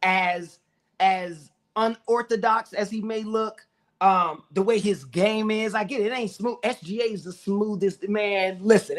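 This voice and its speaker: A man's voice: high voice, fairly bright tone. A man co-hosting a sports talk show, telling stories with animation and acting out his friends' lines in casual chat.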